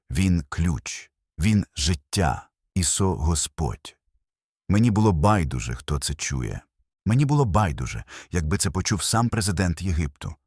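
A man's voice: low-pitched, darkish tone, slightly rough, dry recording, studio quality. An older man narrating his own testimony in the first person, earnest and emotional, in short phrases.

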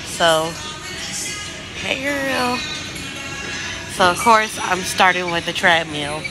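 A lifestyle vlogger talks casually to camera on a phone held close in her hand, inside a large indoor gym. Her voice is fairly low, animated and slow, and she chats away, laughs at herself and swears casually. Music plays underneath, and the recording quality is low.

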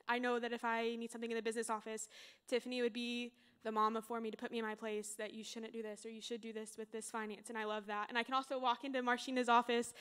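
A woman's voice: a little high, a bit bright, smooth. Bubbly nervous young woman speaker. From Oklahoma, USA. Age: young adult. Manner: nervous, bubbly, full of fillers. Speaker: graduating senior speaker. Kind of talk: informal chapel talk.

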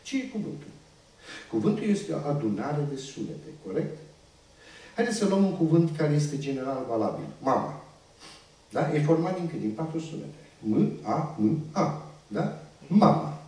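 In a church hall, a man preaches a sermon, teaching by posing questions to his congregation and answering them himself. His voice is a little high and warm, with big pitch swings. The distant mic picks up an echoey room.

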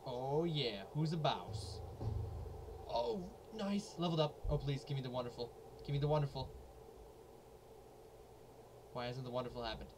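A man giving jokey, excitable let's play commentary, often repeating himself as he plays. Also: medium pitch, normal speed, pauses often. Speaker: gaming YouTuber. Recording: noisy home recording.

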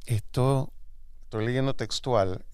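A man hosting an interview, affable and playful, quick to agree with his guest. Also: mid-range voice, a little mellow, smooth, dry recording, studio quality. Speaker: host. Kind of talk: conversational interview.

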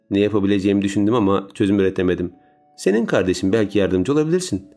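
A man narrating a story in a calm, steady audiobook reading. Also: low voice. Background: soft music.

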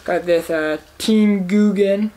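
A young man casually showing off fishing tackle he bought, talking in a halting, rambling way with lots of fillers, recorded at home in his living room. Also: sits high, warm tone, low-quality recording. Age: young adult. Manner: rambling, halting, repeats himself with many fillers. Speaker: fishing vlogger. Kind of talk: casual tackle haul show-and-tell.

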